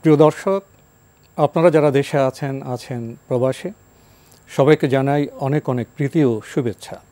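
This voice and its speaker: A male host opens and steers a formal television talk show with courteous, polished phrasing. His voice is mellow and warm, and his delivery stays measured. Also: mid-range voice. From Bangladesh.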